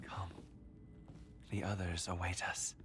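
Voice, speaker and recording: An actor playing a soothing, commanding, possessive supernatural guide in a video game, in a hushed, breathy delivery. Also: male voice, deep voice, little pitch movement, slow, noisy background. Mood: soothing, coaxing.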